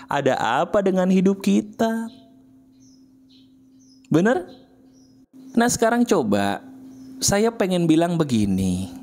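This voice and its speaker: A man gives a motivational monologue aimed right at the listener, sing-song and slow with long pauses. He coaxes intimately, repeats himself, and poses rhetorical questions, swinging from low, soft murmurs to high, emphatic bursts.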